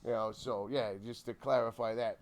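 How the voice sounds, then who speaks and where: A middle-aged man casually telling a wild childhood story, swearing constantly and shouting out the lines of the people in it. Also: mid-range voice, steady tone, normal speed. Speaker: podcast guest.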